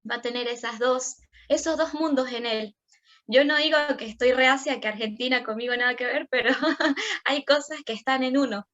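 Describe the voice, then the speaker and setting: A young Venezuelan woman with an Andean lilt tells her story in a high, lively voice, jumping up in pitch whenever she acts out her own words or her child's. The recording is muffled and lo-fi. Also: normal speed. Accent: Venezuelan Andean Spanish. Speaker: interviewee, immigrant mother. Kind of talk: emotional personal storytelling.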